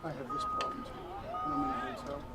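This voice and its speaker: A man's voice: fairly high pitch, wildly swooping pitch, brisk, over loud music. A man adding casual, teasing banter as color commentator on a baseball broadcast. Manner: wisecracking, teasing.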